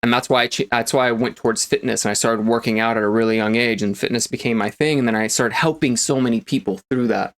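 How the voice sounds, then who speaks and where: Energetic man giving a motivational talk. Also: medium pitch, fast talker, few pauses. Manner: energetic and emphatic, filler-heavy, swears for emphasis. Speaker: motivational coach. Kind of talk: casual motivational monologue.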